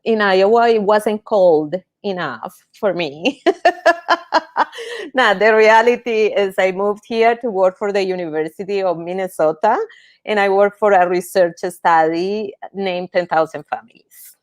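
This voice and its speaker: A woman from Colombia with a Colombian Spanish accent, whose first language is Spanish, introducing herself casually on a video call, pausing often with fillers. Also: mid-range voice. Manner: hesitant, many fillers. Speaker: panel moderator.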